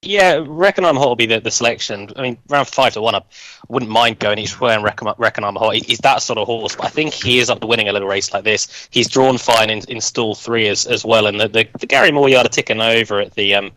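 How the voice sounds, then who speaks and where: Halting male racing tipster, lowish dry voice. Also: fairly bright tone, no room sound, poor audio. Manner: halting, repeating words as he goes. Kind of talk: conversational race analysis.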